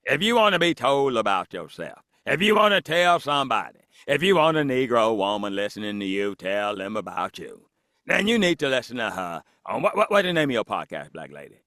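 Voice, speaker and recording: A man voicing Uncle Ruckus, a cranky, bigoted old cartoon man with a gruff, scornful delivery. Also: mid-range voice, sing-song, brisk, pushed and bright, no echo, clean studio sound.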